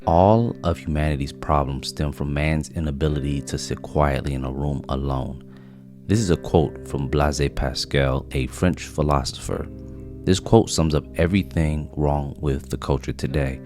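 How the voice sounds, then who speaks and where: A man narrating a scripted video essay in a measured, reflective way. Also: very deep voice, steady tone. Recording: faint music behind voice.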